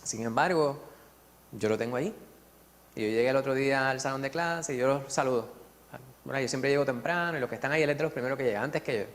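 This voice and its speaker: A man's voice: mid-range voice, fast talker, long reverb tail. Puerto rican guy leading bible study, mid voice, loose and chatty, lots of fillers. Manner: chatty, leans on fillers and tag questions. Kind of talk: conversational Bible study talk with personal stories.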